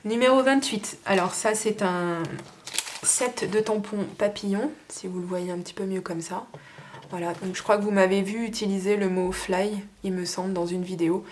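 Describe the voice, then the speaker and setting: A woman's voice: mid-range voice, fairly even intonation, moderate pace, a little mellow, slight background noise. A woman casually showing and pricing her craft stamps one by one, talking in a hesitant, chatty way with many fillers. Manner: chatty and informal. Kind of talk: casual show-and-tell sale.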